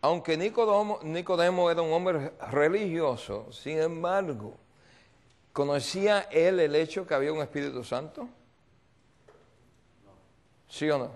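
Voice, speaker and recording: A man's voice: on the high side, measured pace, pauses often. A male pastor preaching a seminar sermon, telling a story and repeatedly quizzing his audience with call-and-response questions. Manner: storytelling with acted voices.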